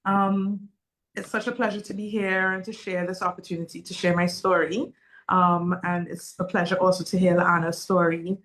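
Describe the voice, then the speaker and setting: Woman in her forties from Saint Vincent, low-pitched, earnest, candid panel guest with filler words. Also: little pitch movement, normal speed, fairly bright tone, rough recording. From Saint Vincent and the Grenadines. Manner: earnest, open, with frequent um fillers. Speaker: guest speaker. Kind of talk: personal story in an online panel.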